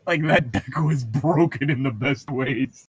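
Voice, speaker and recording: A man co-hosts a laid-back book-reading podcast, reading a novel aloud and rambling through commentary with casual swearing. His mid-range voice is a little slow and slightly rough. The recording is dry and studio quality.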